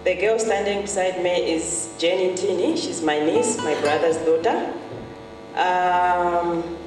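A woman gives an earnest church testimony, circling back to repeat her key phrases. Her voice carries through a big, long-ringing hall. She stands some way off from the mic, with music playing underneath. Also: lowish voice. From Zambia. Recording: echoey hall, far from mic, music behind.

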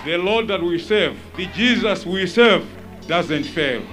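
Higher-voiced man preaching comfort over music. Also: animated, takes it slowly, fairly bright tone. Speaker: speaker offering support. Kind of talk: funeral address, preaching.

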